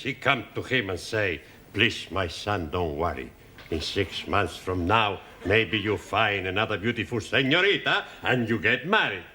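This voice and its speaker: A jolly joke-teller. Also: male voice, on the low side, bright, forceful tone, slight background noise. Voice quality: broken English, storyteller's drawl. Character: jolly middle-aged Spanish man telling jokes.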